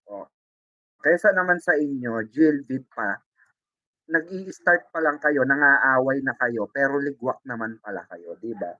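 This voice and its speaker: Teasing, lively gossip vlogger man. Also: medium pitch, a little slow, no room sound. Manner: chatty, teasing, sing-song gossip with frequent tag questions. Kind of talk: live gossip chat reading viewer comments. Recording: dull, muffled lo-fi sound.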